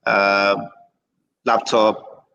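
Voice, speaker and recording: A man's voice: on the low side, level tone, extremely slow, vocal fry, sharp tone, dull audio. A man answering an interview, hesitant and pained, with many "uh"s. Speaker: guest, nonprofit founder. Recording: reverberant room with faint noise.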